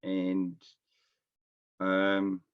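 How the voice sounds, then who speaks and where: A veteran nurse from Melbourne, middle-aged, chats casually as an interview guest over a remote call from home. His low voice is clean in tone but completely flat and extremely slow, and the audio is dull.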